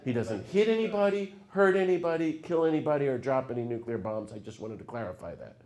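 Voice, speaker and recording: A middle-aged man giving a public lecture, telling stories with sudden swings from hushed asides to loud, fired-up passages. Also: mid-range voice, animated, quick pace. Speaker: speaker.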